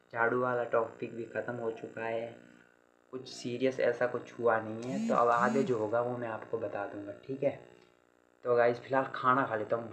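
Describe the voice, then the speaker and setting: A man's voice: medium pitch, a bit bright, a little hiss or hum, rough recording. A young man telling a story in a casual vlog, chatty, calling listeners "bhai" and acting out what others said. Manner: chatty, repeats "bhai" and "theek hai", quotes others in dialogue. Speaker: vlogger.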